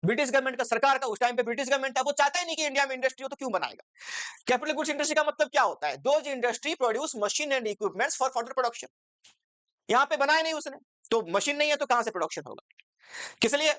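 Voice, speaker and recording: A woman's voice: sits high, expressive, fast talker, fairly bright tone, no room sound. A woman teaching an exam-focused commerce lecture, asking the class rhetorical questions and switching between Hindi and English terms.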